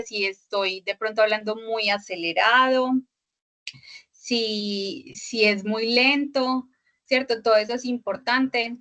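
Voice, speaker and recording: A woman's voice: fairly high pitch, a bit bright. A woman instructor giving an online class lecture over a video call, explaining step by step with many fillers and frequent checks for agreement.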